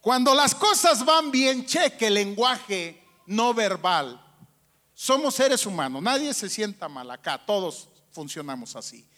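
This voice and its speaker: A man's voice: high-pitched, sing-song, measured pace, sharp tone. A man preaching a sermon as pastor, asking the congregation questions with strong emphasis. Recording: long hall reverb.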